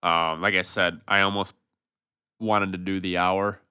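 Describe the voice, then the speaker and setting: A man's voice: sits low, flat delivery, a little slow, sharp tone, smooth, no echo, studio quality. A man co-hosting a podcast, talking in an easygoing, chuckling way with lots of fillers. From Wisconsin. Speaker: podcast co-host, band songwriter. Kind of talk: casual chat.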